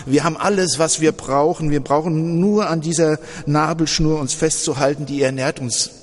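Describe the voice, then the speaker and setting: Preacher doing a stubborn little unborn boy, scoffing, loud and pitched up. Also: moderate pace, big-room sound, lightly acted. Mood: scornful. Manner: scoffing, indignant.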